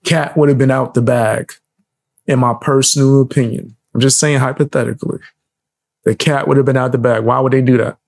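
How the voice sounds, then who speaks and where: A man's voice: medium pitch, steady tone, fairly quick, creaky. A man chatting casually as co-commentator, blunt and opinionated with a laid-back delivery. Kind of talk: casual reaction chat.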